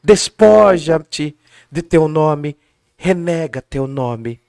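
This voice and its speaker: A man voicing Juliet as a lovesick young woman, reciting in a slow, drawn-out theatrical way. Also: on the high side, animated, a little mellow, clean tone, dry recording, studio quality, heavily acted. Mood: yearning.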